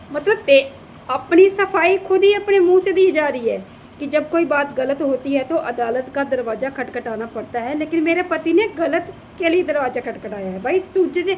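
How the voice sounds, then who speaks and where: A woman's voice: sits high, a little mellow, a little hiss or hum, rough recording. A woman giving heated, sarcastic reaction commentary, scolding the person she reacts to and repeating her phrases. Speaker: reaction video creator.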